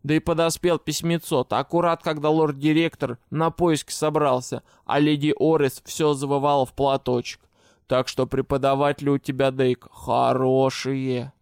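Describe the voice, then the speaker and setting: A man doing a slow, grumbling goblin gatekeeper. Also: mid-range voice, flat delivery, vocal fry, a little mellow, clear, resonant tone, no echo, studio quality, natural voice.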